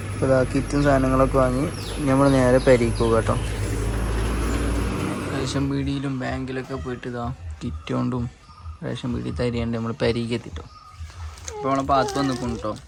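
A man with a Malabar Malayalam accent talks casually to his phone camera as he goes about errands. His voice sits at a middling pitch, and outdoor noise and passing traffic run behind him. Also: little pitch movement, a little fast, gravelly, pauses often. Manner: chatty, teasing a small child in a raised playful voice. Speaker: family vlogger. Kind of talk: casual vlog narration. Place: outdoors, moving between shops and home. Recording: noisy outdoor phone recording.

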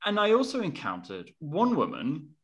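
A young man co-hosting a podcast, telling a story in an animated, self-mocking way over a video call from home. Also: fairly high pitch, normal speed. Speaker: podcast co-host. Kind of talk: casual storytelling. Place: room at home.

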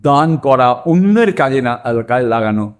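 A man's voice: mid-range voice, animated, unhurried. A sixty-year-old man gives a reflective self-help talk as a mind coach, earnestly repeating phrases for emphasis. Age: 60s.

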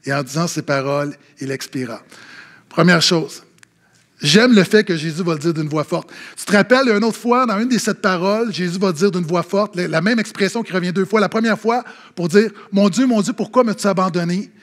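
Animated Québécois pastor, high voice. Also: male voice, brisk. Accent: Québécois French. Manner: animated storytelling, acting out quoted voices. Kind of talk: sermon with humorous anecdotes.

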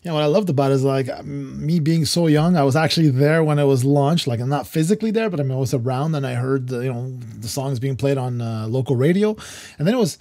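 A man's voice: mid-range voice, expressive, fast, dark tone, dry recording, clean studio sound. A man co-hosting a music podcast, talking casually and rambling, with many fillers and restarts. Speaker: podcast co-host. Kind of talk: casual roundtable chat.

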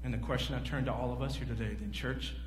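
A pastor in his forties preaches to his congregation at a quick pace in a medium-pitched voice, asking them questions as he moves around a large church stage. He's animated, pacing and gesturing, and the recording has an echoey hall with a faint hum.

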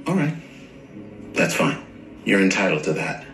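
A calm older male therapist. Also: reverberant, soft background music, full character voice, poor audio. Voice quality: deep, slow and calm. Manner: measured, softly probing. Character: gentle older male therapist grieving a lost daughter. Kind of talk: scripted drama clip.

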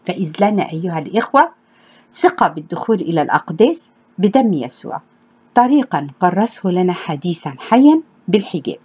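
A woman's voice: lowish voice, sing-song, a little fast, a little mellow, slightly rough. Earnest woman teaching in Egyptian Arabic. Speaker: religious teacher. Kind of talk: spoken sermon with scripture reading. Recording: dull lo-fi recording.

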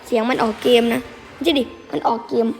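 A hoarse male gaming host giving excitable, rambling gameplay commentary and repeating words in quick bursts. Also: very high-pitched, background noise. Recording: reverberant room with game music. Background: game music.

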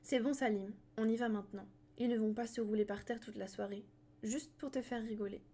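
Woman reading a sharp-tongued teen girl. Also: fairly high pitch, steady tone, fairly quick. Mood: firm.

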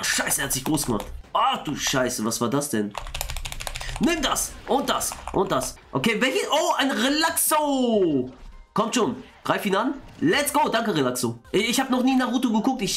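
A young man giving excitable let's-play commentary, quick to exclaim and swear as he plays. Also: high-pitched, soft background music. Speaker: gaming YouTuber.

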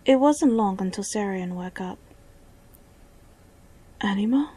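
A woman narrating her own fantasy story in soft, often whispered storytelling. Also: medium pitch, unhurried, slightly rough, low-quality recording.

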